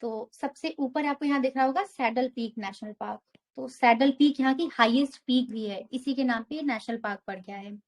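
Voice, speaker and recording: Woman teacher, high voice, young adult, step-by-step map lesson, english terms mixed in. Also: moderate pace. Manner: explains step by step, mixing English terms into Hindi. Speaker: exam prep teacher. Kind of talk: map-based geography lesson.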